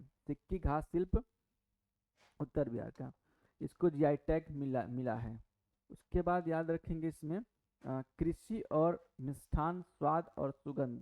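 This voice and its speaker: Teacher, tinny sound. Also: male voice, fairly high pitch, gravelly. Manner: conversational, asks and answers his own questions, many fillers and restarts. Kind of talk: exam-prep lesson over a map. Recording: tinny phone-like audio.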